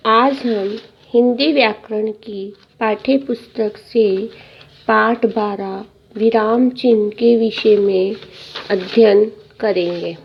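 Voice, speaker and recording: Slow-speaking woman teacher. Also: medium pitch, steady tone, gravelly, muffled recording, a little hiss or hum. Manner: slow, repeats each point in simpler words. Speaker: school teacher. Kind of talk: grammar lesson for children.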